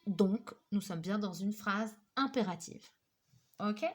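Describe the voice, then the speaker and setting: A woman teaching a recorded grammar lesson, explaining patiently and checking in often with her listeners, with frequent fillers. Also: medium pitch. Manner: patient, repeats "ok?" and "d'accord?"; slow, careful explanation with many fillers.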